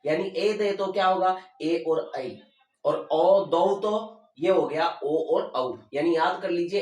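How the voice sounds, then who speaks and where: Man teaching slowly in an echoey room. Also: on the high side, darkish tone, far from the mic. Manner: slow, deliberate enunciation of sounds for students. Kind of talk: Hindi grammar lesson.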